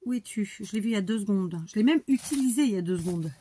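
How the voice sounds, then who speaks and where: French woman chatting as she unboxes craft mail, lots of restarts and little laughs, mid pitch. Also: animated, rapid-fire, mellow, a little hiss or hum. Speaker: scrapbooking YouTuber. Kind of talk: casual chat while opening mail.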